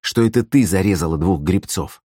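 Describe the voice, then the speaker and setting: A man's voice: low voice, animated, normal speed, dark tone, slightly rough, no room sound, studio quality. A man voicing a stern, curt mercenary man in an audiobook, grim and cold. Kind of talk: audiobook character voice.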